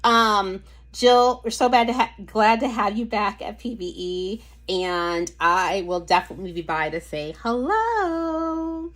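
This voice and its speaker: A woman with a medium-pitched, slightly bright voice speaks expressively and without hurry. She hosts a casual live stream showing nail polish, chatting with viewers, reading their comments aloud, and getting sidetracked easily.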